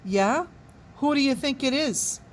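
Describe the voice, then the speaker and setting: A woman's voice: sits high, animated, unhurried, a little hiss or hum, pitched above the performer's own voice. A cocky schoolboy who plays it cool, keeping his words offhand and easy, as a woman reading a storybook voices him. He sounds sly and pleased with himself. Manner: offhand, laid-back.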